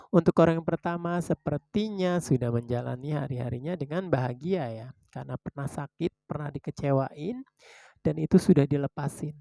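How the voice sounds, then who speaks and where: A tarot reader chatting casually to viewers, calling out cards one by one in a slow, relaxed way, indoors at home. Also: medium pitch, creaky, no room sound. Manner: chatty, slow card-by-card announcing; drops into soft whispers for short prayers. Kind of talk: casual tarot reading video.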